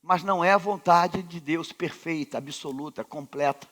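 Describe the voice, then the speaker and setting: In a large sanctuary, a Brazilian pastor from Rio de Janeiro delivers a sermon at normal speed in a male voice on the high side. Rhetorical questions and recurring refrains mark his preaching, which shifts from quiet passages to loud ones.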